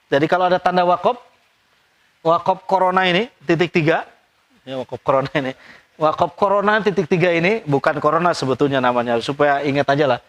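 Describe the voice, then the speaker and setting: High-voiced teacher. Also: male voice, a bit bright. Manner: slow drawn-out recitation between quick explanations. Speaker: Quran recitation teacher. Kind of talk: tajwid lesson with recited examples.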